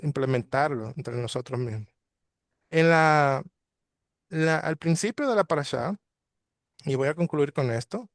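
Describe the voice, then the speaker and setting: A man's voice: mid-range voice, no room sound, studio quality. Hesitant man teaching a Torah study. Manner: hesitant, many fillers and restarts. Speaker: congregation teacher. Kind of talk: daily Torah study talk.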